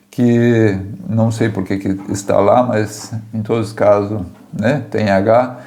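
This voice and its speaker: A man's voice: on the low side, warm tone. A man teaching German pronunciation, patiently repeating words and checking in with "tá?" and "certo?". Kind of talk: language lesson, explaining pronunciation.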